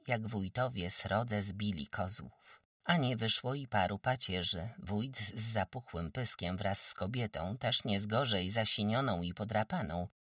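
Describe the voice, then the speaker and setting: An audiobook narrator telling a rural tale with lively, rising and falling intonation. The sound is dry, with the voice a bit far from the mic. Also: medium pitch, dry recording. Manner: lively, expressive storytelling.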